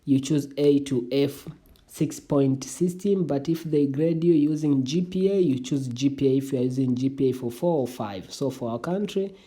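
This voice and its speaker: A young adult tutorial vlogger, Swahili as first language, walks through an online application in a casual, halting way, restarting often and calling viewers "family." The voice is medium-pitched and warm.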